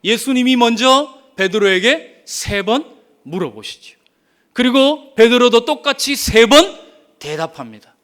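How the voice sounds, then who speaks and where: A man's voice: high-pitched, fairly bright tone. A male pastor giving an emphatic sermon, telling a story and speaking straight to his congregation.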